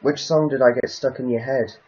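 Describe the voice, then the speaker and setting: A man's voice: medium pitch, fairly even intonation, fairly quick, a little mellow, muffled recording. A man chatting casually on a livestream, hesitant and rambling, with many ums and restarts.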